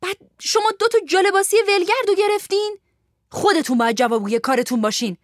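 A frantic young guard, played by a woman storyteller, yelling in a high, jumpy voice that swings up and down. He is recorded close and dry. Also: animated, no room sound. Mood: panicked. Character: panicked young male security guard.

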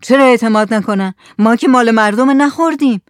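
A brisk, practical fisherman, voiced by an audiobook reader urges the others on. The voice sits at a middle pitch and sounds close and dry. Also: clear, resonant tone, dry recording, close to an everyday voice. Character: practical, hurried male fisherman.

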